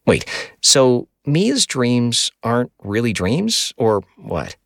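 A man's voice: medium pitch, wildly swooping pitch, slow, gravelly, fairly bright tone, no echo, clean studio sound, heavily acted. A man voicing an inquisitive teenage boy in an audiobook, in a plain questioning tone. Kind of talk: audiobook character voice.

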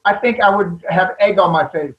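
A man with a high voice speaks on a panel about his acting career. He talks candidly and rambles, restarting his sentences as he goes. The recording sounds somewhat dull and lo-fi. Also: normal speed. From American South. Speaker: actor, panel guest. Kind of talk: panel discussion.

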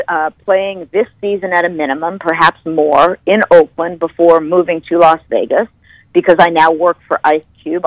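A woman football analyst telling stories as a podcast guest, animated and stopping to correct herself. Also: fairly low pitch, no room sound, poor audio. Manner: animated storyteller, corrects herself mid-sentence. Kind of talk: podcast interview.

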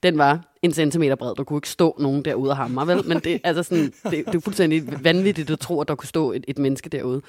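Animated young woman telling a story. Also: sits low, hardly any pauses, no echo, clean studio sound. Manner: animated storytelling, acts out quotes. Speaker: podcast co-host. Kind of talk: casual chat.

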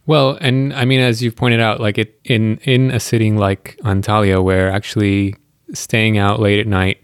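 A man's voice: fairly low pitch, little pitch movement, normal speed, smooth, no room sound, clean studio sound. A man hosting a podcast, talking in a friendly, rambling way with frequent hesitations. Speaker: podcast host. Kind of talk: casual conversation.

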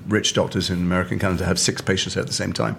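A middle-aged man from England tells stories at a quick clip, acting out every voice in them. His voice sits on the low side. A faint ambient hum runs underneath. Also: gravelly. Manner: lively storyteller, acts out other people's lines. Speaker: actor telling stories at a lunch chat. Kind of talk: casual chat, animated anecdote. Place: restaurant table.

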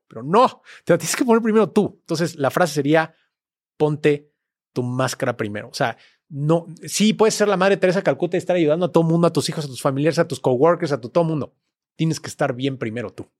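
A man's voice: a little high, lively intonation, fairly quick, darkish tone, no room sound. A man with a Mexican Spanish accent, a podcast guest telling a personal story in a casual, slangy, emotional way. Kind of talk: candid storytelling.

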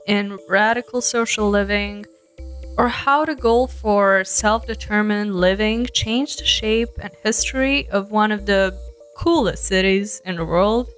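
A woman from Serbia co-hosts a casual podcast and explains things patiently, laughing easily. Her voice sits at a middle pitch, and soft music plays faintly underneath. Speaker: podcast co-host.

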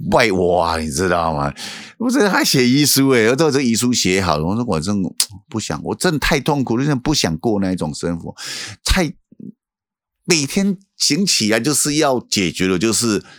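Deep-voiced Taiwanese pastor, halting testimony. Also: male voice, dry recording, studio quality. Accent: Taiwanese Mandarin. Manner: halting, repeats words, asks "you know?". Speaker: pastor guest recounting his past. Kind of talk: emotional testimony in casual interview.

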